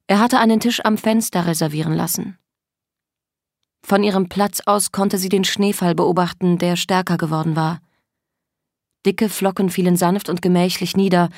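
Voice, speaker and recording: A woman narrating a novel in a calm, measured storytelling voice. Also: on the low side, vocal fry, dry recording, studio quality. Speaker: audiobook narrator. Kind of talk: scripted narration.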